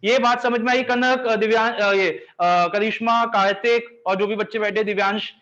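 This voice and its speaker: A man with a high voice leads a live revision class, firing quick checks at his students and making them recite points back. The sound is dull and lo-fi. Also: steady tone, fairly bright tone. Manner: checks understanding often, drills students by call and response. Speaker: teacher.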